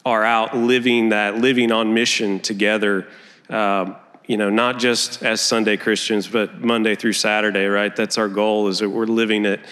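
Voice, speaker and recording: A man speaking as a church elder, informally sharing reflections with a congregation in a halting way. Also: fairly low pitch, little pitch movement, a bit bright, clean tone. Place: large indoor church gathering room. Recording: reverberant hall, amplified speech.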